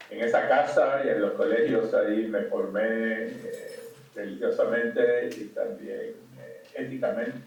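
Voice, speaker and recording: An older man from Cuba giving a conference talk over a video call, halting with many fillers and restarts. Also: fairly low pitch, creaky, a little mellow. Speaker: conference speaker. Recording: distant, dull, echoey call audio.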